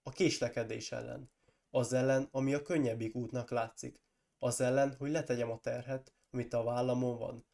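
A proud, forceful warrior lord who presses his point and flares into loud accusations, as a hoarse man reads him aloud. The voice is gravelly and mellow, with a rough edge from a cold, in the manner of a storybook reading. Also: medium pitch, little pitch movement, natural voice. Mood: urging. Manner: insistent, rising to loud accusing outbursts.

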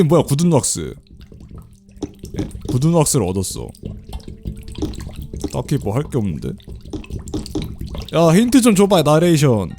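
A man giving casual let's play commentary, chatty and often laughing as he reads the game text aloud. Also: fairly high pitch. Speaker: game streamer.

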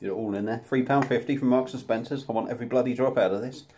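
A man with a mid-range, warm voice talks fast as he casually reviews a beer to camera in a small room at home. He's chatty and pokes fun at himself, with the camera close up at desk level.

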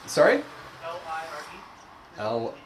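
A man's voice: mid-range voice, huge pitch swings, very slow. A young man giving a casual live demo talk at a tech meetup, rambling and self-deprecating with lots of ums and restarts. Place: meeting room at a hack night. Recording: echoey room, distant mic, faint noise.

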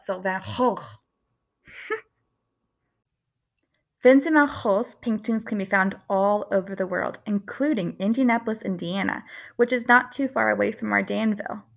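A woman in her thirties with a somewhat high voice teaches art to young children, gentle and expressive, stretching out key words for emphasis like a storyteller. The recording is made indoors, close to a webcam.

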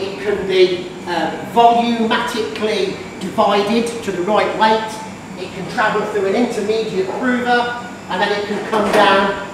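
A middle-aged man giving a guided tour of a bakery as instructor, explaining the equipment with fillers and restarts. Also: sits high. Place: large industrial bakery kitchen, indoors. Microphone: camera mic from a distance. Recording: echoey kitchen, distant mic, noisy.

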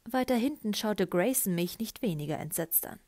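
A woman narrating a novel in the first person with lively storytelling. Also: medium pitch, moderate pace. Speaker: audiobook reader.

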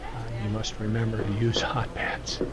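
A Midwestern man with a lowish voice tells his story as a news reporter, in a plain and measured way with many pauses. A steady hiss of noise sits under the voice-over. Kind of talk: recorded voice-over narration.

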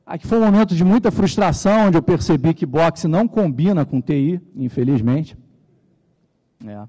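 A middle-aged man from Rio de Janeiro with a Carioca accent gives a technical conference talk on stage, relaxed and jokey, asking and answering his own questions. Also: a little high, moderate pace, slightly rough. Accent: Carioca Brazilian Portuguese. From Rio de Janeiro, Brazil. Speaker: conference speaker. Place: large conference hall stage. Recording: reverberant large hall.

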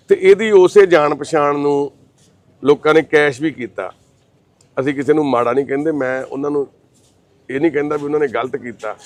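A man with a somewhat high voice talks in a reassuring, caring way, calling people son and sister. He moves between consoling a family and appealing to an audience watching the video. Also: dry recording. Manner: warm, reassuring, calls others son and sister; recites prayer in a slow chanting voice. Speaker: social worker hosting the channel. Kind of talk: comforting talk and appeal to viewers.

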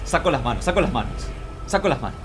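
Lively Argentine man doing game commentary. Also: medium pitch, fast, music in the background. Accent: Rioplatense Argentine Spanish. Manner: talks to self and viewers, repeats phrases, refers to self in feminine forms. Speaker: gaming streamer. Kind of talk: let's play commentary.

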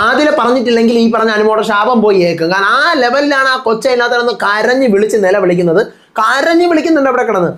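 Hosting a reality show review channel, a man with a Malayali accent delivers rapid, insistent live-update commentary and retells what the contestants said. His voice is very high with a fairly bright tone.

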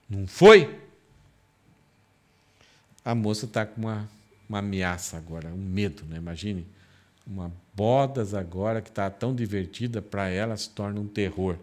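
A man preaching a Bible sermon as pastor, acting out quoted lines with a raised, dramatic voice. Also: fairly low pitch. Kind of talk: expository sermon. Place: church.

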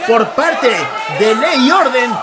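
A man giving excited, exclamatory wrestling commentary in a raised voice. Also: very high-pitched, takes it slowly. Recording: loud crowd and noisy venue. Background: loud wrestling crowd.

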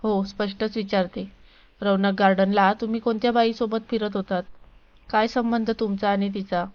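A woman's voice: medium pitch, flat delivery, moderate pace, lo-fi sound, lightly acted. A woman voicing a hurt wife and mother who confronts and pleads with her husband. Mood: upset. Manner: accusing, pleading.

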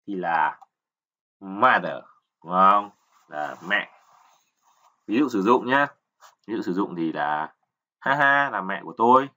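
Guy teacher with a low voice, clear bright tone, explains slowly and keeps asking if you got it. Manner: keeps asking "right?" to check learners; patient, repeats words while explaining. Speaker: kanji teacher. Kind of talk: explanatory lesson.

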